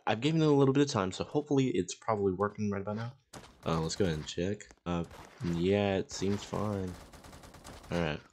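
Male gameplay host, low voice, rambling casual commentary, lots of fillers. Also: brisk, a little mellow, a little hiss or hum. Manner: rambling, hesitant, with many fillers and restarts. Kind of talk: casual commentary over online game.

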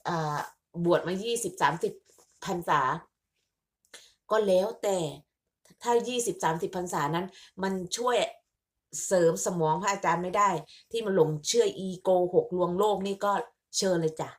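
A woman's voice: medium pitch, moderate pace. A woman ranting in a vlog monologue, scolding and mocking with crude insults in a sarcastic motherly tone. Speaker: online commentator.

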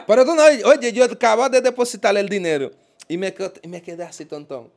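A man's voice: sits high, brisk, gravelly. A man with a Dominican accent, a guest in a casual interview, telling stories with animation and acting out the voices of the people he quotes.

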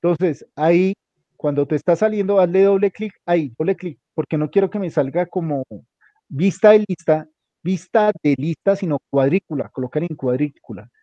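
A man's voice: fairly high pitch, moderate pace, mellow, no echo. A man teaching a hands-on computer class, giving directions step by step and repeating them often. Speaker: instructor. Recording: dull lo-fi recording.

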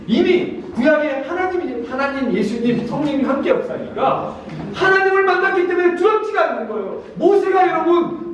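A man's voice: very high voice, highs cut off. A man preaching a sermon as a pastor, emphatic, often calling out to his congregation. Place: church sanctuary. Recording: very echoey hall, mic far off, faint noise.

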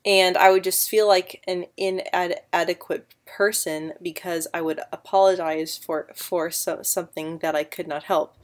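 A woman in her twenties vlogs casually to camera from her living room sofa, recorded on a built-in webcam mic. Her lowish voice is steady and a little slow, with hardly any pauses. She often stutters on sounds and words, coming across as earnest and encouraging.

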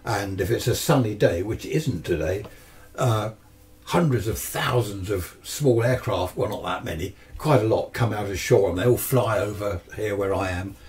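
The speaker is a man in his 60s or 70s with a southern English accent, a fairly low pitch, a darkish tone and a moderate pace. Working in his cluttered home radio workshop, the amateur radio hobbyist presents a video. He chats casually through an unscripted demonstration, wandering into asides and asking himself questions.

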